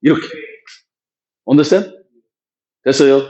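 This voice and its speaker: A man's voice: fairly high pitch, slow pace, dark tone. A man teaching a math class in a lecture style, brusque and joking, often checking that students follow along. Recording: echoey room.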